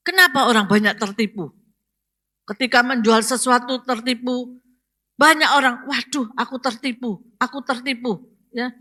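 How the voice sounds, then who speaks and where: A woman pastor with a slightly high, sharp voice preaches a sermon, asking the congregation questions and rising to emphatic exclamations.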